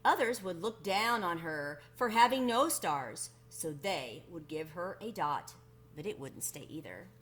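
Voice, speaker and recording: A woman with a lowish voice reads a children's picture book aloud. Like a storyteller, she is expressive and deliberate, drawing out her emphasis.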